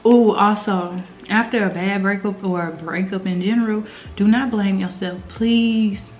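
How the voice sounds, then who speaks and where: A woman's voice: mid-range voice, fairly even intonation, a little slow, slight background noise. The recording is slightly muffled and lo-fi. An American woman chats casually as a mukbang host, giving earnest advice in slangy, informal speech. She talks as if to close girlfriends while eating. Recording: slightly dull, lo-fi sound.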